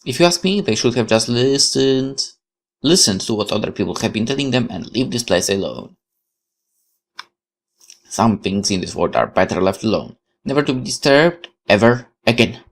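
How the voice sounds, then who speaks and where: Medium-pitched and sing-song, this man speaks at a moderate pace. He is a let's player reading a visual novel's narration for viewers with dramatic storytelling flair and musing remarks.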